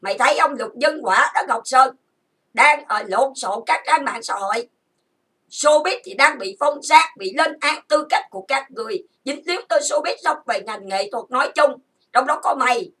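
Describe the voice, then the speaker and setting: A woman hosts her own channel with an angry, accusatory monologue packed with insults and repetitive lists. Her high voice has lively intonation, a sharp tone, and a breathy edge at normal speed, and she sounds recorded from a distance.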